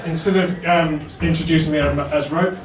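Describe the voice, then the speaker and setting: A man's voice: a little high, fairly even intonation, fairly quick, far from the mic, crowd noise. A man performing a wry, self-deprecating stand-up comedy set in a basement comedy venue. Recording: roomy echo, mic heard from afar.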